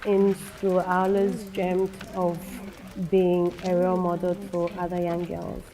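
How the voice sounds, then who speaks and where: A young woman narrating a documentary in an earnest, measured way. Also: fairly low pitch, monotone, mellow. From Zambia. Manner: earnest, measured personal testimony. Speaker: narrator, women's advocate. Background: film score music.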